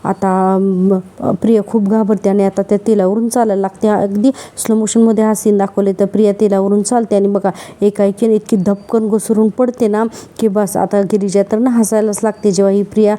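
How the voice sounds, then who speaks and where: Dark-voiced woman chatting through a recap. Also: mid-range voice, flat delivery, a little fast. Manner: chatty, addresses the viewer directly. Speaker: serial episode recapper. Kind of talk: casual episode recap narration.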